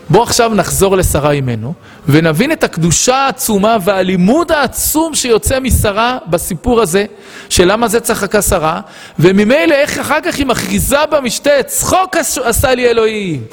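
High-voiced guy preaching, fiery, lots of rhetorical questions, big hall echo. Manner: impassioned, rhetorical questions, scolding. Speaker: rabbi. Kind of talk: sermon. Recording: long hall reverb.

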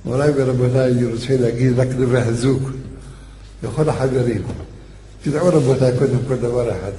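A man's voice: mid-range voice, steady tone, mellow. A man giving a eulogy sermon, telling a story in an emphatic, fervent way. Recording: echoey hall, faint background noise.

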